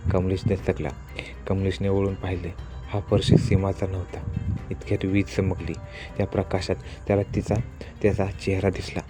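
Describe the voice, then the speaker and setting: A man narrating a scripted horror story in a steady, suspenseful manner. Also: low-pitched, normal speed, music in the background.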